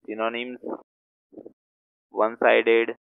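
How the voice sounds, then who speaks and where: A man teaching vocabulary in a class, going slowly and repeating each word as he writes it out. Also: mid-range voice, completely flat delivery, vocal fry, clear, resonant tone, no echo. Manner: slow, repeats words while writing them out. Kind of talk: explaining word meanings in a class. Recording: tinny phone-like sound.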